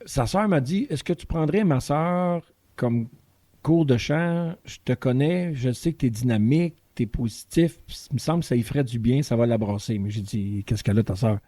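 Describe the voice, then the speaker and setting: A man with a Québécois accent, a guest in a casual interview, telling a story in an animated way and acting out the dialogue. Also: medium pitch, normal speed, dry recording. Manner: animated storyteller who acts out quoted dialogue. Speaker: guest singer-songwriter and voice teacher.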